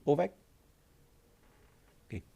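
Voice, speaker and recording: A man with an other than giving a technical presentation at a conference. He pauses, repeats words and phrases things in his own way. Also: warm tone, dull audio. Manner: halting, repeats words, non-native phrasing. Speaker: conference speaker.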